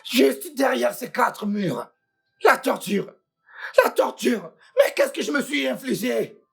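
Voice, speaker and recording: A woman's voice: a little high, animated, takes it slowly, gravelly, slightly rough, soft background music, full character voice. A woman dubbing a panicked young husband in a French film dub, groaning, pleading and exasperated. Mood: despairing.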